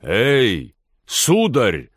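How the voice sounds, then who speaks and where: A man voicing a burly village blacksmith who shouts a warning at a passing gentleman in an audiobook reading. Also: mid-range voice, lively intonation, moderate pace, no echo, clean studio sound, pitched above the performer's own voice, close to an everyday voice. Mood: defiant. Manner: loud, challenging shouts.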